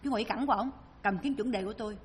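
A woman's voice: medium pitch, rapid-fire, big-room sound, a little hiss or hum. A woman with a Southern Vietnamese accent giving a storytelling dharma talk. She acts out the people in her stories as she tells them. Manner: lively storyteller, acting out the people she quotes. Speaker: Buddhist dharma speaker.

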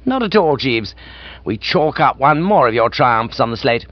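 In a comic audiobook, a man voices an excitable, pompous upper-class English gentleman, sounding breezy, pleased, and self-satisfied. His voice is mid-range at a moderate pace, with no room sound and dull audio.

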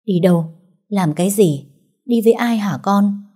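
A woman's voice: medium pitch, normal speed, husky, close to an everyday voice. Woman doing a weary worried mother. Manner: soft, sighing.

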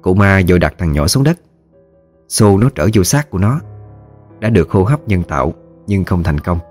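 A man narrating a ghost story in a steady, measured way. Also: deep voice, soft background music.

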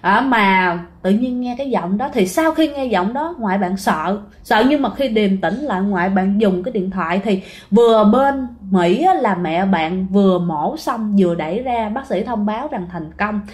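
A woman's voice: mid-range voice, lively intonation, normal speed, few pauses. A woman telling ghost stories in a chatty way, often speaking straight to her listeners. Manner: chatty, keeps addressing listeners directly. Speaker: ghost story narrator. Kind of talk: casual spoken storytelling.

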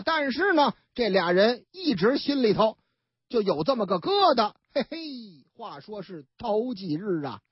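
A woman's voice: mid-range voice, slightly rough, dry recording, highs cut off. A woman retelling news stories in a chatty, colloquial broadcast storytelling style.

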